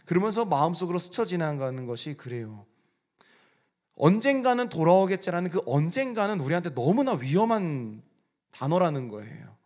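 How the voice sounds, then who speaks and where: A man preaching a sermon as pastor, earnestly, swelling loud on his appeals and dropping to soft, almost whispered lines. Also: a little high. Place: church sanctuary.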